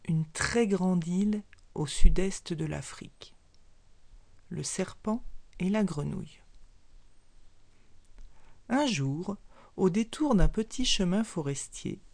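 A storyteller narrating a children's folk tale at a slow, unhurried pace. The delivery is expressive, with loudness swelling and dropping to carry the story. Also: medium pitch.

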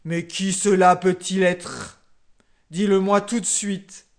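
A storyteller voicing a furious male lion king who grumbles and commands loudly. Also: on the low side, steady tone, takes it slowly.

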